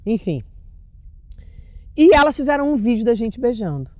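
Brazilian actress in her 40s, lively anecdotes, quotes people in shrieks. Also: on the high side, normal speed, no echo. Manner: animated, acts out quotes with shrieks. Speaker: interview guest, actress. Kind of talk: casual storytelling.

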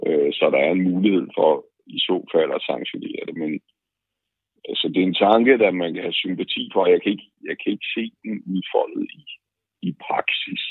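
Low husky man on a phone line. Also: dry recording. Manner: cautious, repeats himself. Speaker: football association director. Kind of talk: recorded radio interview. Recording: tinny phone line, dry.

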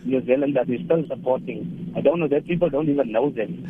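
A man's voice: mid-range voice, brisk, a crowd in the background. A man calling into a radio show who states blunt opinions emphatically. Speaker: caller. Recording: tinny phone line with faint noise.

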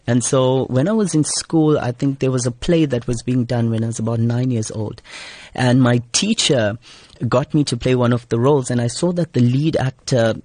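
Mid-range and a little mellow, with no echo, this man's voice carries a South African Indian accent. He's a comedian and actor in an interview, responding to questions in an earnest, emphatic, conversational manner.

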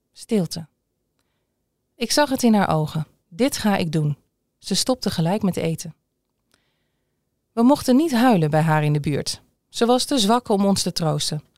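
A woman reading a news feature aloud in a calm, measured scripted narration. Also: fairly low pitch, no room sound, studio quality. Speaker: newsreader.

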